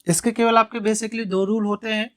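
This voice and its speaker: A man's voice: high-pitched, level tone, normal speed, dry recording, clean studio sound. A male teacher explaining an English grammar lesson in Hindi, step by step, with frequent repetition of key points.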